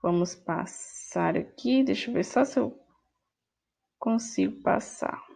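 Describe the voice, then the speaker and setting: This woman's mid-range voice is slow, gravelly, darkish and slightly rough. She's a teacher with a Brazilian Portuguese accent correcting a workbook in an online lesson, patiently repeating each word, recorded as a screen capture with voice-over.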